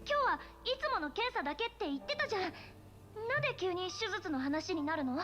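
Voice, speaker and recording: A woman's voice: extremely high pitch, expressive, racing, fairly bright tone, dull audio. A woman playing a startled, protesting young hospital patient in a video game. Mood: indignant. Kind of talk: Japanese video game voice acting. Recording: game audio with music behind.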